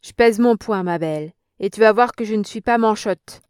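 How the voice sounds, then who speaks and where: A woman's voice: a little high, moderate pace, darkish tone, clear, resonant tone, dry recording, studio quality, close to an everyday voice. A woman reading an audiobook, voicing a fat, coarse old procuress with an oily, throaty voice who blusters, then shrieks and whimpers in fear. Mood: threatening.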